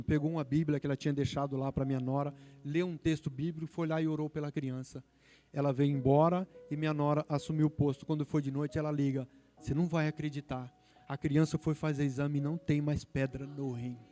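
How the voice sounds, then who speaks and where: A man's voice: on the high side, dark tone. A man in his fifties with a Brazilian Portuguese accent, preaching a fervent sermon that builds to emphatic peaks.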